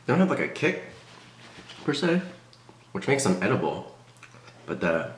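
A man's voice: mid-range voice, big pitch swings, normal speed. A young man chatting casually to camera as he eats, his mouth burning from spicy food, in a roomy, noisy recording. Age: young adult. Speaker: food vlogger. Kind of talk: casual eating commentary to camera. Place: small bare indoor room. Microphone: camera mic at about arm's length. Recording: roomy echo, loud air-conditioning hum.

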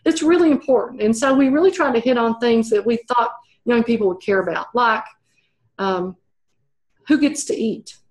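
Guest voice: middle-aged woman, slightly high pitch, conversational, thoughtful, restarts her sentences and fills pauses with "uh". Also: darkish tone. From United States. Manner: thoughtful, many fillers and restarts, laughs easily. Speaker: program evaluation professor, interview guest. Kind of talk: conversational interview.

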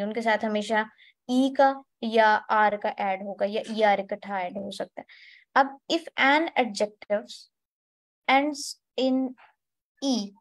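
Woman, high voice, patient step-by-step English tutor on an online class. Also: a little mellow. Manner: explains step by step, spells out letters, mixes in English terms. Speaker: English teacher.

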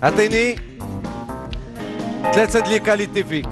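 A man with a Moroccan accent hosting a talk show, firing off quick teasing questions at his guest. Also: high voice. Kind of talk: casual interview, rapid-fire questions. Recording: loud music behind the talk.

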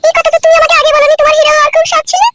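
A woman voicing a coy, doting young wife in a comic cartoon, with a very high, girlish, cooing voice. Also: little pitch movement, very fast, very noisy. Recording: background music.

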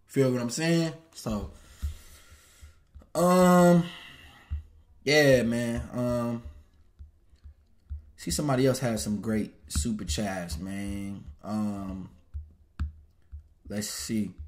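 A man's voice: medium pitch, drawn-out words, long pauses. A man hosting a casual livestream and reading viewer messages, talking in blunt, profane street slang. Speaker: channel host.

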